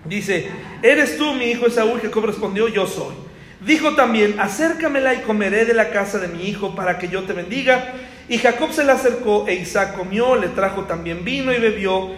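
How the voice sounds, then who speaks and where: Hombre, pastor, acento mexicano, sermón, tono conversacional, voz aguda, reverberación larga de sala. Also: male voice, sits high, animated, moderate pace, a bit bright. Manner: conversational, asks the congregation rhetorical questions. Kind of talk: sermon. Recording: echoey hall.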